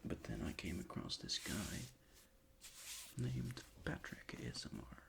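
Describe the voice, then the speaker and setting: Whispering softly and mostly without voice, a non-native English-speaking ASMR creator rambles at his bedroom desk, often losing the thread and restarting. He has a low voice with wildly swooping pitch and a slightly slow pace. Behind him, things crinkle and crumple, and the home recording has clear background noise.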